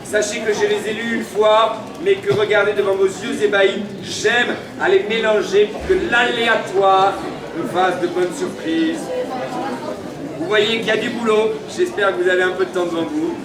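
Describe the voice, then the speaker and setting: Male town crier, playful and declamatory, high voice, heard from off in an echoey space with crowd behind. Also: fairly even intonation, moderate pace. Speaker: town crier hosting a street event. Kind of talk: town crier's theatrical public proclamation. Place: public gathering with an audience. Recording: echoey, distant mic in a crowd.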